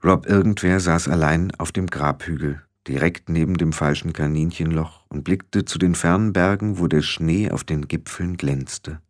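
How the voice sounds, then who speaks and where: Ein Mann liest ruhig und gemessen ein Hörbuch vor. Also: male voice, rumbling low, moderate pace, hardly any pauses, no room sound, studio quality. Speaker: audiobook narrator. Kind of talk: scripted narration.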